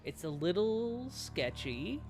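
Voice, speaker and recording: A man's voice: high-pitched, very animated, slow pace, faint music behind. A man running a tabletop game as game master, narrating scenes and chatting as a shopkeeper, laid-back and chuckling.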